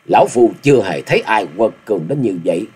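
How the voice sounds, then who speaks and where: A man voicing a fierce old male martial-arts villain who barks gruff demands. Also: lowish voice, animated, quick pace, a little mellow, faint music behind. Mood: sullen.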